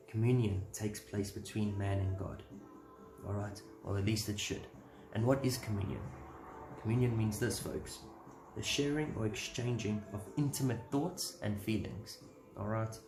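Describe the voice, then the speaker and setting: A man's voice: lowish voice, echoey room, low-quality recording. A man giving a casual devotional talk, conversational and earnest, posing rhetorical questions to his listeners.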